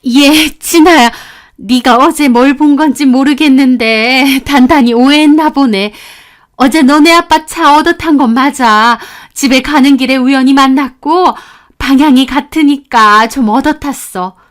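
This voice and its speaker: A woman voicing a hypocritical female academy teacher who speaks softly and coaxingly but turns sharp and scolding, in an acted story. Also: high-pitched, a little slow. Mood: defensive.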